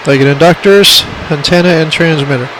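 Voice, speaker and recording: Background noise surrounds this amateur phone recording of a man demonstrating radio equipment in an informal tutorial. He talks fairly quickly in a voice on the high side, plainspoken and emphatic, repeating himself to drive points home.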